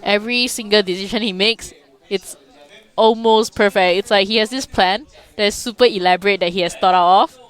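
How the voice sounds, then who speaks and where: A woman's voice: medium pitch, brisk, clean tone. A young woman co-casting an esports match, asking questions and chatting through the players. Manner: animated, curious, chatty analysis. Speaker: esports co-caster. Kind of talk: casual esports commentary.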